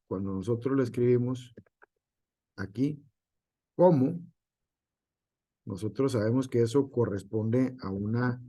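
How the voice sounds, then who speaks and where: Guy teaching a class online, slow and kinda mellow, lots of umms. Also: medium pitch. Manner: hesitant, many fillers.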